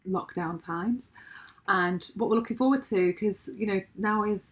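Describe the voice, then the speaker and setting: A woman's voice: mid-range voice, a little slow. A woman co-hosting a podcast, talking in a thoughtful, chatty way with plenty of small fillers. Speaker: podcast co-host. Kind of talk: casual podcast chat.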